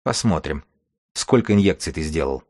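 A man voicing a calm, cold young wanderer who asks short, curt questions. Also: extremely low pitch, moderate pace, heavily acted.

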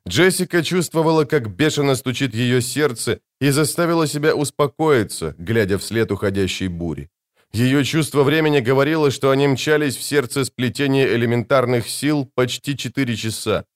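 A man reading a novel aloud as an audiobook narrator, in a measured, dramatic storytelling manner. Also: medium pitch, expressive. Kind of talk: scripted narration.

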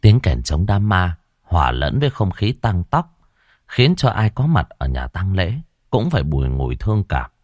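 A man's voice: low voice, sing-song, moderate pace, dry recording, clean studio sound. A man narrating a scripted audiobook in a solemn, dramatic storytelling manner. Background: soft background music.

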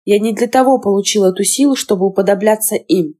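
A woman voicing a powerful young boy mage who speaks slowly and quietly, brooding with remorse. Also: medium pitch, close to an everyday voice. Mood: remorseful.

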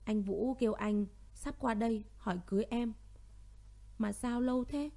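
A young pregnant woman, tearful and pleading, her voice lifted high with grief, as a woman narrator puts her on. The tone stays warm and mellow even at its highest. It is a storybook reading. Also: normal speed, creaky.

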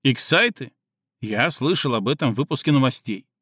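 A man voicing a sleepy, irritable man in an audiobook reading, slightly hoarse and sarcastic, sometimes barking. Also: medium pitch, expressive, moderate pace, fairly bright tone, dry recording, studio quality.

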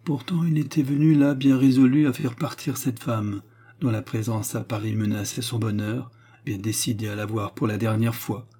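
Husky male audiobook narrator. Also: medium pitch, moderate pace. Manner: dramatic, expressive reading.

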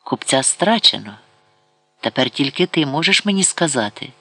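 A man voicing a stern, powerful sultan who speaks in a slow, grave, menacing way in an audiobook. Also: on the high side, sing-song, a bit bright, no echo, heavily acted.

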